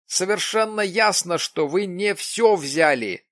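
A man voicing an excitable, insistent businessman in an audiobook, talking emphatically with raised pitch. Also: measured pace, dry recording, studio quality. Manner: emphatic, exclaiming. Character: excitable middle-aged businessman, pushy and insistent.

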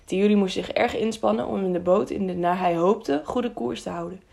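Woman reading an audiobook, mid pitch, bit of vocal fry. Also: moderate pace, a little mellow. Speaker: audiobook narrator. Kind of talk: audiobook narration.

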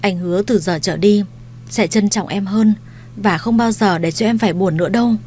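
A woman's voice: medium pitch, normal speed, a little mellow, slight background noise, close to an everyday voice. A woman voicing a desperate young man in an audio story, who pleads and then threatens. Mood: pleading. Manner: pleading, turning menacing.

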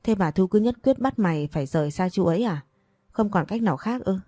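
A woman voicing a blunt, loyal young female best friend who answers with quick retorts. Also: mid-range voice, lively intonation, warm tone, close to an everyday voice. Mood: indignant, concerned.

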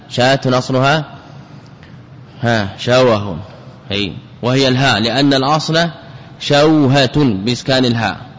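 A man's voice: mid-range voice, fairly bright tone. A man teaching classical Arabic grammar as a scholar, repeating key words and putting questions to his students. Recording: dull lo-fi recording with long hall reverb.

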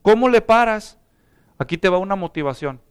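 Middle-aged male pastor, lively sermon full of rhetorical questions, clear resonant tone. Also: high-pitched, normal speed. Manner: preaching with rhetorical questions to the congregation.

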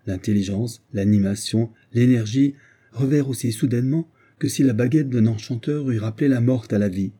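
Dark, husky man narrating a novel. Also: mid-range voice, brisk. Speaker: audiobook narrator.

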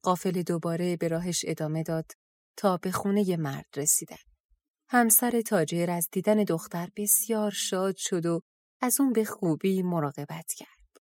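A woman narrating a storybook folk tale in a calm, even storytelling manner. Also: lowish voice, no room sound, clean studio sound. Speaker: audiobook narrator.

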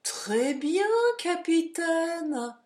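A woman's voice: medium pitch, lively intonation, a little slow, lightly acted. A woman playing a grumbling sly hotel porter. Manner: gruff, grumbling.

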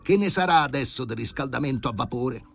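A man's voice: mid-range voice, animated, vocal fry, slightly rough, soft background music, pitched above the performer's own voice. A man doing a pompous, stern old professor. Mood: haughty, stern. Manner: grave, ironic, drawn-out emphasis. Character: pompous elderly male professor, stern and sardonic.

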